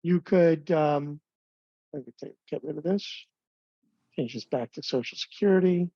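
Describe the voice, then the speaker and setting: A man training advisors on planning software in a relaxed, conversational webinar, with fillers and light jokes. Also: a little high, a little slow, dry recording. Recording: dull, dry webinar audio.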